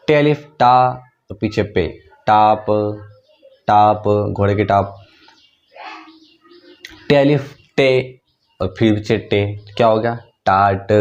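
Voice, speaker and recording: Guy teaching an online script class, patient, keeps going "and what's that make?", middle pitch, kinda muffled recording. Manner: patient, repeats each answer as a question to the learner. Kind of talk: online class, step-by-step explaining.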